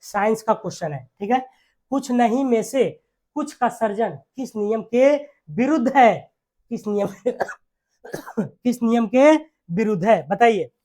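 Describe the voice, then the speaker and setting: An exam-prep teacher, speaking in a classroom style, repeating key words and asking quick check questions with tag phrases. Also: medium pitch, expressive, mellow.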